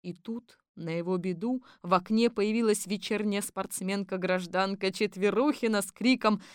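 A woman's voice: medium pitch, normal speed, clear, resonant tone, no echo, clean studio sound. Woman reading a children's story. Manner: lively, ironic storytelling. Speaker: narrator. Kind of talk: audiobook narration.

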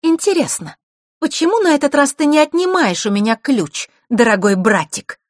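A woman's voice: sits high, normal speed, no echo, studio quality, pitched above the performer's own voice, natural voice. A woman reading a storybook and voicing a fierce, defiant teenage girl who talks back sharply and scornfully. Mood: mocking. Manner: sharp, scornful, rising to shouts.

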